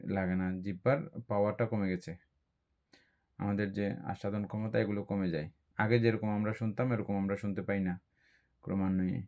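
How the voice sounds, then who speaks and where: A man's voice: fairly low pitch, flat delivery, moderate pace, pauses often, darkish tone. A man, a Buddhist monk, teaching dharma, explaining patiently and asking rhetorical questions. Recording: dull lo-fi recording.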